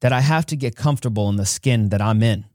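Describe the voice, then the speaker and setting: A man hosting a podcast, telling a personal story in an earnest way and acting out quotes with big jumps in pitch. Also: fast, a little mellow, no room sound, studio quality. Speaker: podcast host.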